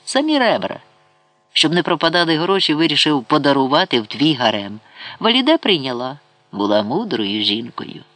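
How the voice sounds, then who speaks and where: A man's voice: fairly high pitch, sing-song, moderate pace, a bit bright, no echo, pitched above the performer's own voice. A man voicing a drunk, arrogant grand vizier who talks in a mocking, brash way in an audiobook. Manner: mocking, brash, then pleading.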